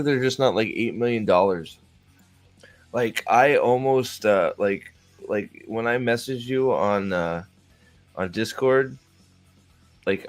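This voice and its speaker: A man in his forties chatting casually on a livestream, joking around and rambling with lots of restarts and fillers. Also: fairly low pitch. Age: 40s. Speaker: streamer. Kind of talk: casual chat.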